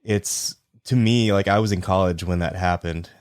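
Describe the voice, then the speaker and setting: Deep-voiced male podcast host, dry sound. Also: steady tone, moderate pace, a little mellow, smooth, no echo. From United States. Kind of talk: podcast interview.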